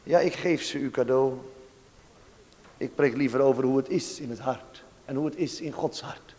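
A man preaching a sermon, swinging between hushed tenderness and rising fervor. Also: medium pitch, normal speed. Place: church. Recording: long reverb of a church hall.

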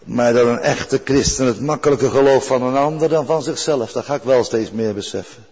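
A man's voice: mid-range voice, brisk, darkish tone, breathy edge. An older man preaching a sermon in an earnest way, repeating key phrases for weight. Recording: dull recording with long church reverb.

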